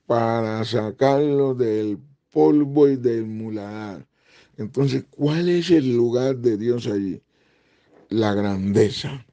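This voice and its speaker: An older man preaching a recorded sermon as a pastor, slow and emphatic, with frequent exclamations. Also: mid-range voice, warm tone, highs cut off. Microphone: close-up camera, head and shoulders framing.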